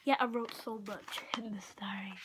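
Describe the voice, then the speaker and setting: In a small room at home, a girl of about 15 from Portugal vlogs a chatty show-and-tell, speaking haltingly with frequent "like" and trailing off. Her voice is mid-range and steady, the background noisy, and the built-in device mic sits at arm's length or a bit further.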